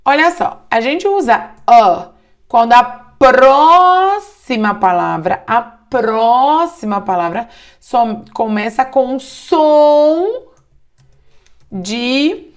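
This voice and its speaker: A woman teaching English grammar in a slow, deliberate way, often checking in with the listener. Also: a little high, lively intonation. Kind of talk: online grammar lesson in Portuguese.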